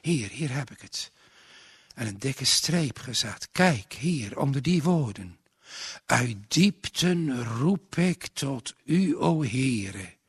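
A man voicing a frail, dying old gentleman who speaks slowly and tenderly, giving a pious blessing in solemn biblical language. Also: mid-range voice, expressive, husky, no room sound, studio quality, full character voice. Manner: slow, weary, blessing in solemn biblical phrasing.

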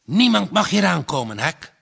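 A man's voice: sits high, sing-song, moderate pace, vocal fry, a bit bright, slightly rough, pitched above the performer's own voice, exaggerated voice. A man reading aloud and voicing a determined villager who urgently raises the alarm at night.

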